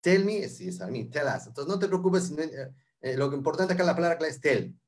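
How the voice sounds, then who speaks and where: A man explaining English interview phrases, repeating each one slowly and clearly. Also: a little high, expressive, a little mellow. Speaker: English teacher guest.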